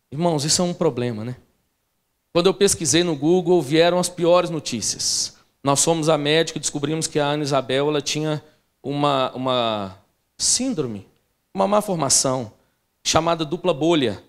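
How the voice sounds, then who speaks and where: A pastor preaching a sermon, telling a personal family story with frequent asides to the congregation. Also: male voice, on the high side.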